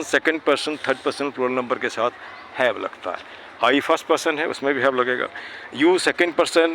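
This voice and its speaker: Guy tutoring kids on grammar, kinda high voice, patient, bit of traffic noise outside. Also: fairly bright tone. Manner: patient, checks understanding often. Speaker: English tutor. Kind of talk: Hindi grammar lesson for children. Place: outdoors near traffic.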